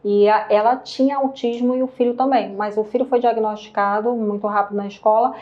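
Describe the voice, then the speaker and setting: Animated Brazilian woman podcast host. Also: a little high, brisk, highs cut off. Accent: Brazilian Portuguese. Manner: animated, acts out quotes with laughter. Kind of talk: casual conversational interview.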